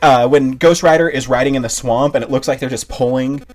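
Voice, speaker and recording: A man's voice: medium pitch, brisk, a little mellow, slight background noise. A man co-hosting a podcast, chatting casually about movies in a rambling, hesitant way with many restarts. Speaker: podcast co-host.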